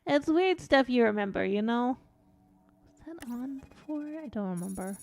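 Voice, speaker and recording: A woman's voice: a little high, expressive, normal speed, darkish tone. A woman streaming a game as a VTuber, rambling through a casual story and swearing now and then. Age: adult.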